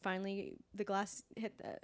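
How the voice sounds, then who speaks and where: A woman's voice: mid-range voice, flat delivery, normal speed, vocal fry, clean tone, dry recording. A woman comedian co-hosting a podcast, chatting casually in a playful, self-mocking banter.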